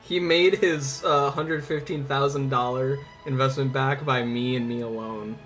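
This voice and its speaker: This twenty-something male livestream host talks casually and rambles with his viewers, swearing occasionally, while music plays behind him. His mid-range voice is steady and fairly bright, with a measured pace.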